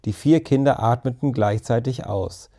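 A male narrator reading a children's audiobook in a calm, even way. His voice sits at a medium pitch with a warm, mellow tone. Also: normal speed.

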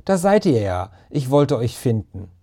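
A man voicing a proud, kindly female schoolteacher who speaks eagerly and warmly. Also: medium pitch, sing-song, unhurried. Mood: delighted.

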